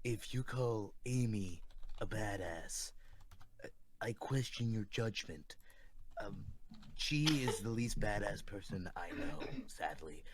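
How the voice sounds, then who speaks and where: A man acts out an edgy cartoon hedgehog antihero with widely swinging pitch. He is blunt and deadpan, quick to break into sardonic, foul-mouthed ranting. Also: a little hiss or hum. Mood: dismissive. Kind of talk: improvised in-character fan Q&A.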